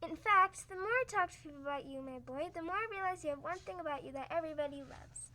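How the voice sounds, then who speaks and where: A sardonic woman doctor in an old-time radio comedy, played by a young actress. She tosses out mocking insults in a very high, bright voice. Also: fast. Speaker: school radio play actor.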